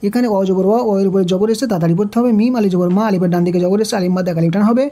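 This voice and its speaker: Woman tutor going over recitation rules slowly, soft mellow tone, keeps repeating syllables and asking questions. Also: medium pitch. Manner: patient, repeats syllables and asks rhetorical questions. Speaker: Quran recitation teacher. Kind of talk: step-by-step tajweed lesson.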